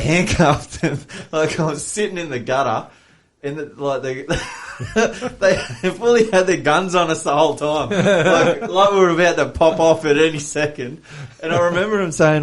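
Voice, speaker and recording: A man's voice: a little high, normal speed. Laid-back Australian man telling a story. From Wollongong, Australia. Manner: rambling, swears freely, laughs mid-story. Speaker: podcast co-host. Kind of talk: casual storytelling.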